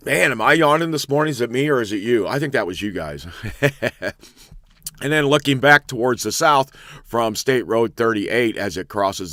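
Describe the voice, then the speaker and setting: Male weather host, relaxed and rambling, smooth dry close sound. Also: lowish voice, no room sound. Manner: chatty, rambling, thinks aloud with many fillers. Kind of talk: casual live weather analysis.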